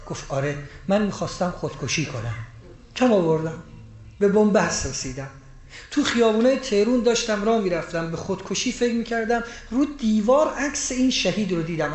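A man preaching a sermon, moving between loud emphatic rises and hushed, quiet storytelling. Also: sits high, slight background noise. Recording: echoey room with faint ambience.

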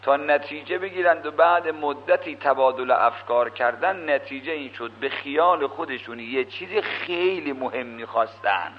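A man's voice: medium pitch, few pauses, slight background noise. Colloquial male preacher on old radio. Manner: colloquial, lively storytelling with religious asides. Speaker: cleric preacher. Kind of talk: storytelling sermon. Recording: dull lo-fi old radio recording.

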